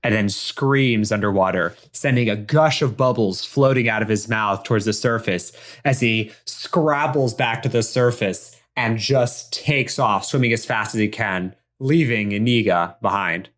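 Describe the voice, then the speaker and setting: A player narrating a comedic tabletop scene with vivid, steady storytelling. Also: mid-range voice, measured pace, hardly any pauses.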